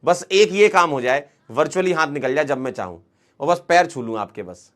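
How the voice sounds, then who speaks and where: A man teaching a chemistry class, working through exam questions in a lively, playful way and coaxing students along. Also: fairly high pitch, normal speed. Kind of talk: online class lecture.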